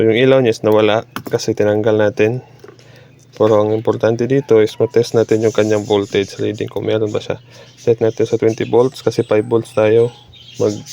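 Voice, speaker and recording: Talking his way haltingly through a repair demo, a man from the Philippines blends Tagalog with English technical terms. His voice is low-leaning, creaky, and mellow, captured in dull lo-fi audio with a faint hum of background noise.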